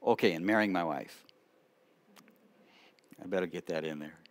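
A middle-aged man, a rabbi, telling stories to a congregation with animated delivery and quiet asides. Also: sits low, normal speed. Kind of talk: storytelling talk to a congregation.

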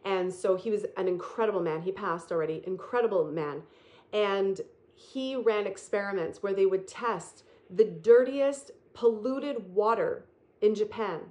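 A woman delivers a motivational spiritual talk. She speaks earnestly and repeats herself for effect, slowing right down on the phrases she wants to land. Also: medium pitch, a little mellow. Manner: earnest, repetitive, emphatic and slow on key phrases.

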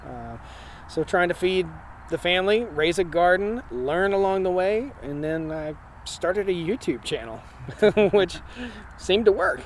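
A man in his forties farmer chatting outside, fairly high voice for a guy, blunt and emphatic, faint background hum. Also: animated, measured pace. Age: 40s. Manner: plainspoken, emphatic, with frequent restarts. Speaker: homesteading farmer and guest. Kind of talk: casual interview chat. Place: outdoors at a conference.

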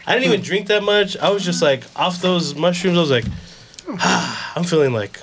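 A man's voice: high voice, moderate pace, slight background noise. A man chatting informally, telling things in a casual anecdotal way and quoting his own reactions.

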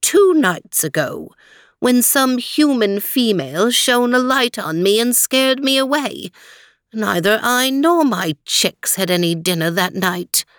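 A woman's voice: fairly high pitch, animated, fairly bright tone, no room sound, clean studio sound, pitched above the performer's own voice. A woman voicing a female owl who complains about her lost dinner. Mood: complaining. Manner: complaining, measured. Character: female owl hunter, fussy mother.

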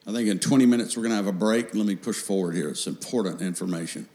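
A man's voice: fairly low pitch, fast talker, dark tone. Middle-aged male seminar speaker, folksy and scripture-quoting, teaching parents and checking in with the room.

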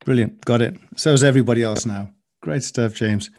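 A man's voice: mid-range voice, fairly quick, a little mellow. A man interviewing a guest, responding with enthusiastic, effusive praise. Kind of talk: podcast interview.

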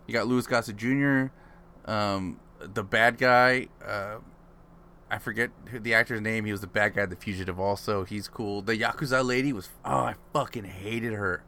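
A man co-hosting a casual movie chat, animated, cursing freely and acting out lines from the film. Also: fairly low pitch, moderate pace. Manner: animated, swearing, acts out quotes. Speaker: podcast co-host.

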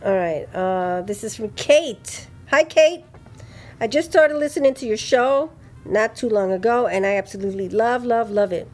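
A woman co-hosting a casual podcast, talking in a lively, blunt way with profanity and laughing easily. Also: a little high, moderate pace, soft background music. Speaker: podcast co-host.

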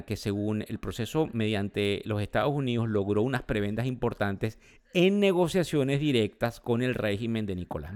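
A man's voice: on the low side, clean tone. Venezuelan man giving market commentary. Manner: explanatory, addresses listeners directly, defines terms. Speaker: market news host.

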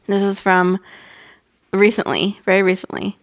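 A woman's voice: mid-range voice, level tone, normal speed, dry recording, clean studio sound. A young woman co-hosting a podcast in casual chat, talking loosely with many fillers and laughing often. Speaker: podcast co-host.

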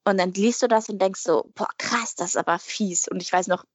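Woman, actress guest, lively storyteller who acts out quotes, dry close sound. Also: mid-range voice, fairly quick, slightly rough, dry recording. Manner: animated storytelling, acting out her own quotes; frequent tag questions. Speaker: actress on a TV series. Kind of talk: casual interview chat.

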